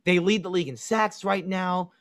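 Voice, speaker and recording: A man's voice: sits high, steady tone, moderate pace, a bit bright, no echo, clean studio sound. A man with a Chicago accent co-hosting a casual sports podcast, confidently analyzing teams and making predictions. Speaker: podcast co-host.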